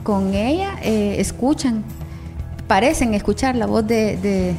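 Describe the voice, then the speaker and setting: A woman with a Salvadoran Spanish accent giving an informal spoken book summary as a guest, haltingly searching for words. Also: medium pitch, lively intonation, over music. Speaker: library guest recommending a book.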